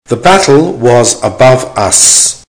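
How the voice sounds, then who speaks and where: A man reading a dictation exercise as a teacher, in short, measured, deliberate phrases with punctuation spoken aloud. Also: medium pitch, expressive, poor audio. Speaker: language teacher giving dictation.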